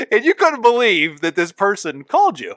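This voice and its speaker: A man co-hosting a podcast in casual chat, animated and quick to laugh. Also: sits high, no echo, studio quality. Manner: animated, laughs often, restarts sentences. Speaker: podcast co-host.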